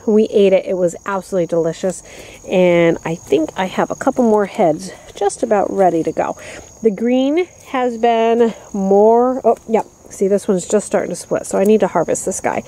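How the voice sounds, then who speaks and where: A woman's voice: mid-range voice, dark tone, rough recording. A woman in her thirties giving a casual, upbeat tour of her backyard vegetable garden, filmed with a handheld camera at arm's length. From upstate New York, US. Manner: chatty, upbeat, walking and pointing at plants. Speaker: gardening vlogger. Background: crickets and insects.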